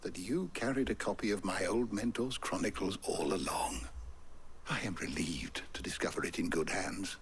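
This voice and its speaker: An actor playing an elderly, learned and wordy scholar in a fantasy video game, with formal phrasing. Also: male voice, deep voice, normal speed, a little hiss or hum. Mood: reflective. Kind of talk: dramatic video game acting. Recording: game music playing behind the voice.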